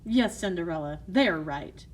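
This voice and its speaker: A woman's voice: on the low side, lively intonation, measured pace, pitched below the performer's own voice. A woman voicing a cruel, bossy stepmother in a fairy tale storybook. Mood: commanding.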